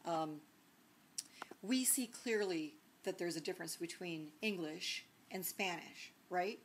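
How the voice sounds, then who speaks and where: Speaking slowly in a low-leaning voice, a northern U.S. woman gives a conversational sociolinguistics lecture, leaning often on "um" and "right?" A little hiss or hum sits under the recording.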